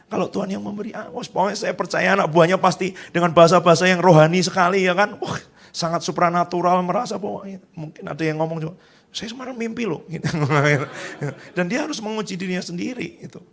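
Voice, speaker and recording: A middle-aged male pastor preaching a sermon in a lively, conversational way, acting out the voices of people he quotes. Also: high voice, fast, gravelly.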